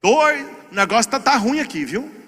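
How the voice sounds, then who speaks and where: A man's voice: extremely high pitch, sing-song, moderate pace, bright, forceful tone, husky, full character voice. A man voicing a harsh factory boss who scolds his workers, recorded in an echoey hall. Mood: scolding. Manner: barking, scolding.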